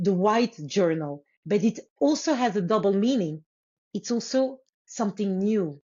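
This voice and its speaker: Through slightly dull, muffled audio, a Congolese woman who grew up speaking Lingala talks as a guest author in an interview, sharing reflective stories. She speaks in a mellow voice at a typical middle pitch for a woman, earnest and unhurried, stopping and starting again as she gathers her thoughts.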